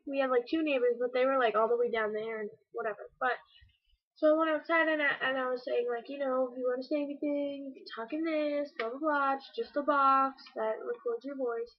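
A teenage girl vlogging casually, rambling with lots of fillers about an old recording. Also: sits high. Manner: rambling, filler-heavy, self-deprecating. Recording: dull lo-fi webcam audio.

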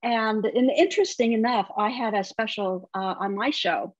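A woman entertainment correspondent chatting on a TV segment, talkative and quick to laugh, with many restarts. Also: fairly high pitch, no room sound, muffled recording. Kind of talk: casual TV segment chat.

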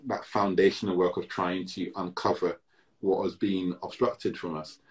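A British musician of Barbadian heritage, deep and low-voiced, speaks slowly and flatly as an interview guest on a video call from a room at home. In this reflective conversation he circles back, restarts his thoughts and fills pauses with "you know" while working through each point.

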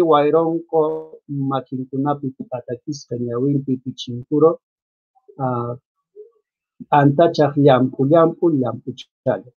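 A man's voice: medium pitch, dark tone. Man lecturing, muffled audio. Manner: explanatory, walks through slide examples, tag questions. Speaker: lecturer on the Quechua language. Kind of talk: virtual conference lecture. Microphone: video call. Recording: dull lo-fi video call audio.

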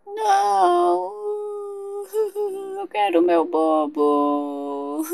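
A shrill, wailing baby girl sobs and whines in a high squeaky voice. Her cries climb very high in pitch throughout this playful toy soap opera. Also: big pitch swings, very slow, vocal fry, darkish tone, exaggerated voice. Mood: crying, whiny. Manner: shrill crying and whining.

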